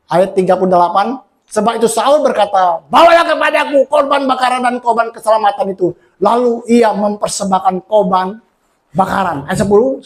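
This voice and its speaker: A man preaching a sermon as a pastor, who often ends his phrases with a quiet aside to the congregation and climbs into shouted emphasis. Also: sits high. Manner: preaches with rising shouts and repeated "saudara" tags. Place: church.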